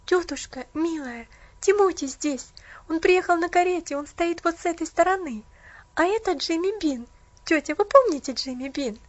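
A woman voicing an earnest, kind-hearted young girl who talks in a pleading, bright way. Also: very high voice, animated, normal speed, highs cut off, pitched above the performer's own voice. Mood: tender.

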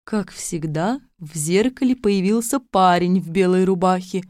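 A woman narrating a fairy tale audiobook in a calm, even storytelling manner. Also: on the low side, a little slow, no echo, clean studio sound.

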